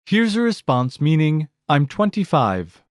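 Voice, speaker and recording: The language-course narrator, a man, moves through scripted prompts at a measured pace in a steady, orderly pattern. His intonation shifts a great deal, and the close, dry recording has no echo.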